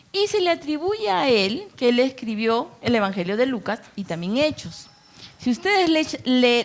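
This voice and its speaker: A woman pastor delivers a sermon in a slightly high voice. She talks with her congregation as much as at them, asking rhetorical questions and briefly acting out the people in her stories. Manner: conversational preaching with rhetorical questions; acts out quoted voices with playful asides.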